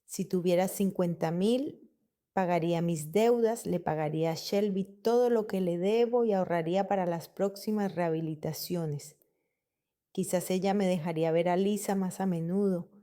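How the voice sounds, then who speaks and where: A woman voicing a remorseful, broke middle-aged father who speaks quietly and pleadingly. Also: lowish voice, normal speed, lightly acted.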